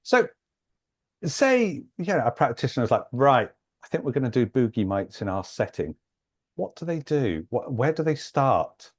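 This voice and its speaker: A man hosting a podcast, with a voice of middling pitch. He talks in a loose, chatty way, restarting and repeating words as he works out his thoughts. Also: sing-song, normal speed. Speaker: podcast host. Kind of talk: podcast interview.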